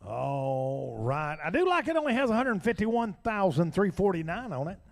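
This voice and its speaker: A man's voice: high voice, very animated, moderate pace, creaky. A man working as an auctioneer, mixing a rhythmic, repetitive bidding chant with chatty asides. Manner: repetitive rhythmic number calling. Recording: echoey hall with long reverb.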